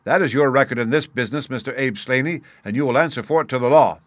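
A man's voice: mid-range voice, animated, fast talker, a bit bright, no room sound. A man voicing a masterful, composed detective in an audiobook, speaking in a precise, formal and authoritative way. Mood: stern. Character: masterful English detective, composed, stern and assured. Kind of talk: audiobook character dialogue.

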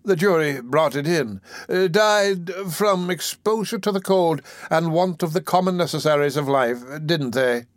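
A man putting on a fawning, high-voiced undertaker. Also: expressive, a little slow, few pauses, no room sound, clean studio sound. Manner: obsequious, eager to please. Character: fawning, ingratiating middle-aged male undertaker. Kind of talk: audiobook character reading.

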